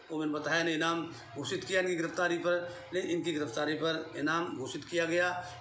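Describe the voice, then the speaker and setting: A middle-aged man lectures on history in a loose, explanatory way, now and then dropping in English words. His voice sits a little high for a man. The room is roomy and echoing, with a faint hiss underneath. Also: a bit bright. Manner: explanatory, mixes English terms into his speech. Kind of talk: unscripted classroom-style lecture.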